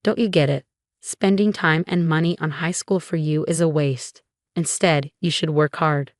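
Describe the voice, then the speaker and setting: A cold, dismissive storybook mother speaks in curt, belittling lines, read by a woman narrator. The voice is fairly low, and the sound is dry and close. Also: fairly even intonation, moderate pace, no echo, lightly acted. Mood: scornful.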